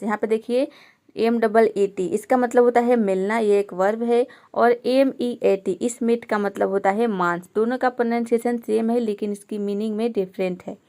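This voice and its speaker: A woman's voice: on the high side, a little mellow. A woman teaching an English pronunciation lesson step by step, patiently explaining each letter and asking rhetorical questions to her students.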